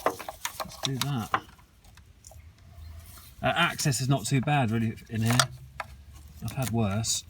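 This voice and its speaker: A man's voice: medium pitch, background noise. A man giving casual, self-deprecating how-to commentary as he works on a repair, thinking aloud with frequent ums. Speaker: DIY mechanic vlogger.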